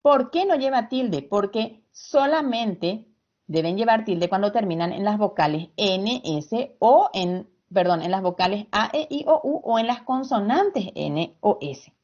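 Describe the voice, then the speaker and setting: A woman teacher giving an online lesson, patient and slow, quizzing her students as she explains. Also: mid-range voice, expressive, a little mellow. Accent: Ecuadorian Spanish. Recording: lo-fi video call audio.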